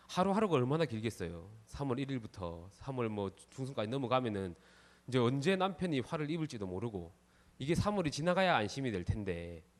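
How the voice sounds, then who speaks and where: A Buddhist monk preaching to his congregation at a quick clip, spinning a tale and slipping into the voices of its characters as he goes. His pitch sits in the middle of the male range, and he keeps the story moving without pausing. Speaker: Buddhist monk giving a dharma talk. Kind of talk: storytelling sermon.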